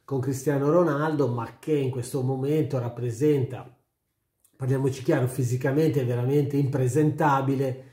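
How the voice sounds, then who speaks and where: A man's voice: medium pitch, mellow. A middle-aged man giving his opinion casually to camera, emphatic and repeating his phrases, recorded at home. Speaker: YouTube sports commentator. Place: small furnished room at home, indoors. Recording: roomy indoor echo.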